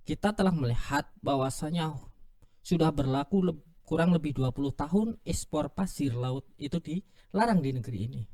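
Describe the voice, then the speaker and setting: A male podcast host leads a religious discussion, speaking politely and formally to his guest. His voice sits slightly high. The tone is warm and mellow rather than bright. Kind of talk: Islamic podcast interview.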